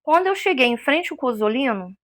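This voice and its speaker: A woman's voice: high voice, very animated, brisk, a bit bright, no room sound, clean studio sound. A woman giving an emotional personal testimony as an interview guest, a vivid storyteller who acts out the voices she quotes.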